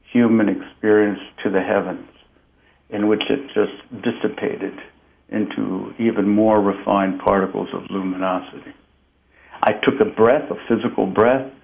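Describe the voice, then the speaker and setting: A man from Peru, an interview guest, telling a spiritual story in a slow, reflective way and often repeating "and" as he searches for words. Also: fairly low pitch, gravelly. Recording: tinny phone-like line.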